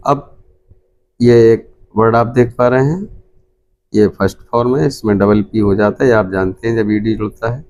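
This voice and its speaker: A man's voice: fairly low pitch, a little mellow. A middle-aged man with an Indian Hindi accent, teaching English pronunciation and repeating each word several times. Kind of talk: pronunciation lesson.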